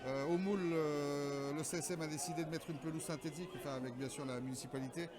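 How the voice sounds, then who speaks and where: A man's voice: fairly high pitch, steady tone, quick pace. A man giving emphatic, opinionated live football analysis, often repeating his phrases. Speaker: football co-commentator. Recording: loud stadium crowd behind, outdoors. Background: loud crowd.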